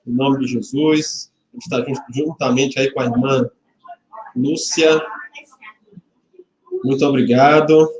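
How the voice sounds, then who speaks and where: The voice is medium-pitched and darkish, fairly even in intonation, unhurried and full of pauses: a pastor of about forty from Salvador, Bahia, Brazil, leading a livestreamed service. He chats casually, greets viewers by name, jokes lightly and prays. Recorded on a webcam mic in a church hall, the sound is roomy.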